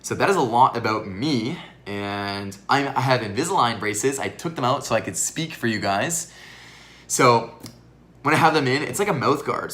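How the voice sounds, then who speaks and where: A young male fitness coach talks earnestly and straight to his viewers in a casual question-and-answer vlog. His voice sits on the low side yet comes out bright and forceful. It sounds a little worn after hours of teaching classes. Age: 20s.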